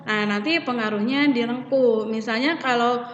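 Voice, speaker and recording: A woman teacher, explaining a lesson step by step and often pausing to hesitate. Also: fairly high pitch. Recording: echoey hall, distant mic, dull sound.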